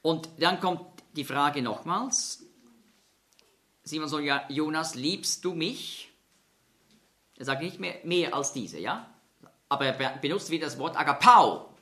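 A man gives a Bible-teaching sermon in a bright, clear-toned voice. He explains patiently and slows down to lean on each quoted line. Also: fairly high pitch, expressive. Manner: explanatory, measured, with slow emphatic quotes. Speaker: preacher.

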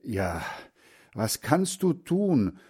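A man doing a loud, kindly old grandpa. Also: mid-range voice, very animated, husky, full character voice. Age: older. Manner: loud, slow, calling out. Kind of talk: storybook reading.

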